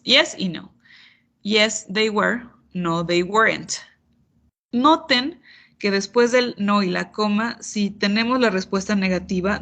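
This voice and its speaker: Woman, English teacher, online grammar lesson, slightly gravelly, mid pitch, patient. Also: a bit bright. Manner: patient, explanatory, playful asides.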